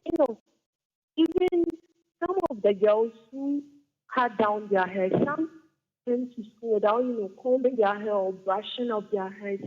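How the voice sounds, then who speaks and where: A woman's voice: fairly high pitch, unhurried. Woman caller on a tinny phone line. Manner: hesitant, with fillers like "you know". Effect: clipped, narrow phone-line sound. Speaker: radio call-in caller. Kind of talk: phoning in to a morning talk show.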